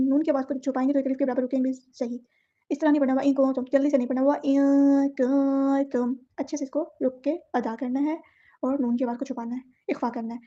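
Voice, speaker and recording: A woman teaching Quran recitation rules, explaining each word and then reciting it slowly and drawn out. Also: high voice, dark tone, lo-fi sound. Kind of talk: tajweed lesson.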